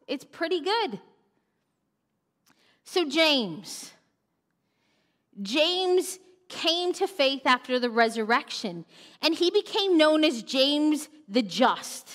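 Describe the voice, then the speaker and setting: A woman preaching a sermon, telling the story with animated expression and dropping to a hush for solemn points. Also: high voice. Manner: animated storytelling, acts out mocking voices, drops to a hush for solemn moments. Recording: long reverb of a church hall.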